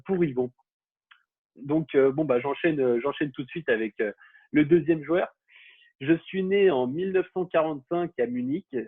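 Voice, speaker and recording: A man hosting a casual football quiz, talking with many fillers and restarts. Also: mid-range voice. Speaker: quiz host. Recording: phone-like, husky, dry.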